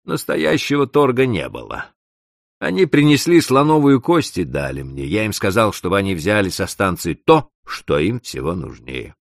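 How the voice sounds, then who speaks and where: Man doing a calm impassive clerk, low, gravelly, measured, dry close recording. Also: no room sound. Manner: unruffled, measured.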